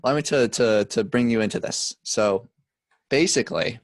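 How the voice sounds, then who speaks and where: A man's voice: medium pitch, moderate pace, dry recording. Young man telling a rambling story. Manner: rambling storyteller with filler words and profanity. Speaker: podcast co-host. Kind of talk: casual chat.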